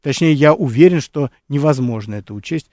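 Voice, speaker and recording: A man's voice: mid-range voice, expressive, brisk, dark tone, no room sound, clean studio sound. A man hosting an educational nature series, talking unscripted with frequent fillers, restarts and rhetorical questions, and calling his listeners friends.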